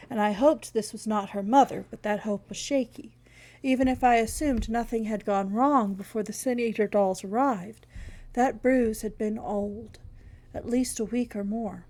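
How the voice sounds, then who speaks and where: A woman reading a first-person short story aloud in a steady, wry storytelling manner. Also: medium pitch, vocal fry. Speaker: narrator.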